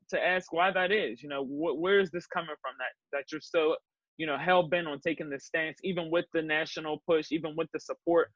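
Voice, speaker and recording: A woman's voice: sits low, fairly bright tone, no room sound, highs cut off. A woman from Pittsburgh, a newspaper journalist, speaking earnestly and emphatically in a panel discussion, often repeating words as she builds a point.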